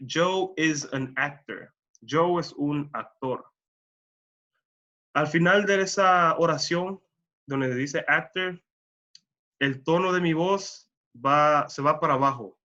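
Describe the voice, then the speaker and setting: Slow, bright-voiced male English teacher. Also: on the high side, lo-fi sound. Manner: slow, carefully enunciated example sentences. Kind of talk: bilingual English lesson.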